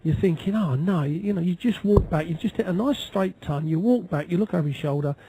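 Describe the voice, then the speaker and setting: Male darts co-commentator, fairly high voice, chatty and explanatory, slight background noise. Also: brisk. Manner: conversational, explanatory. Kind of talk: live sports commentary.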